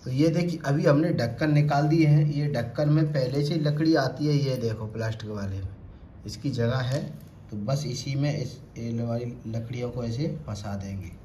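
With a warm, mid-range voice at a moderate pace, this thirty-something cooking vlogger walks viewers through a casual home cooking demo, treating them as friends. The phone recording is close-up, set in a roomy tiled kitchen with a little background noise.

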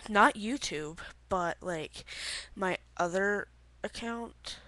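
A woman's voice: mid-range voice, lively intonation, drawn-out words, bright, forceful tone, no echo. A young woman vlogging late at night on her laptop webcam at home, rambling and giggling, sleepy and yawning. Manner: rambling, giggly, lots of filler words. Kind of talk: casual video diary. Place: bedroom at home.

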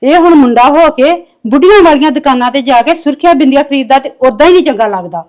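A woman acting as a middle-aged mother who pleads anxiously to stop her sons from fighting. Her voice sits high, and she talks in a worried, coaxing way. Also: animated, quick pace, a little mellow. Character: worried mother keeping the peace. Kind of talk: Punjabi family drama acting.

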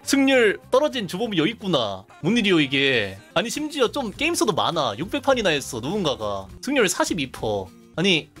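A man's voice: high voice, wildly swooping pitch, brisk, hardly any pauses, fairly bright tone, soft background music. A young man casually commenting while streaming a game, chatty and laughing, reading chat aloud.

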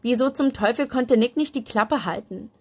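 A woman reading a novel aloud in steady, even storytelling narration. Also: on the high side, normal speed, breathy edge. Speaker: book reader.

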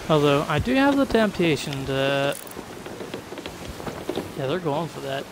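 A man's voice: on the high side, big pitch swings, measured pace. A man streaming a game live, talking casually to his viewers and thinking aloud as things happen. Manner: chatty, thinks aloud, reacts to surprises. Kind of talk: live gameplay commentary. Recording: game sounds of ocean and ship noise behind.

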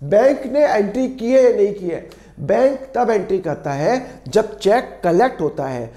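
A man with a sore, hoarse throat teaching an accounts lesson, asking and answering his own questions and repeating key phrases. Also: sits high, lively intonation, measured pace, warm tone, echoey room. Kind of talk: classroom-style lesson explanation.

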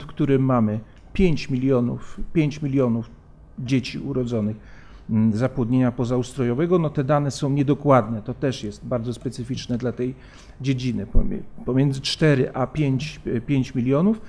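A man in his forties giving an academic conference lecture at a lectern, measured and hesitant, with frequent fillers and restarts. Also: medium pitch, warm tone. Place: large conference hall, at a lectern. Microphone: lectern microphone.

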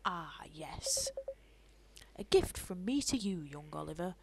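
A woman voicing an ancient, wise male talking tree, reading game dialogue with grave, measured delivery. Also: on the low side, animated, gravelly, darkish tone, breathy edge, full character voice.

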